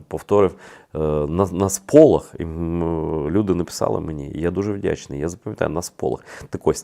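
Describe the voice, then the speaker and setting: A man with a very low, gravelly voice hosts his own video channel. He talks straight to viewers in emphatic commentary, firing rhetorical questions and often stopping to hesitate. The effect is a blunt, plain-spoken monologue. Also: mellow.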